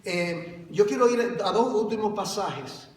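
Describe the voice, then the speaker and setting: A male pastor preaching a sermon in a church, asking his listeners questions and calling them brother, swinging between loud emphatic bursts and quieter explanation. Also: sits high, measured pace, slight background noise. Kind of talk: Spanish-language church sermon. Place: church sanctuary. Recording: echoey church hall, mic from far off.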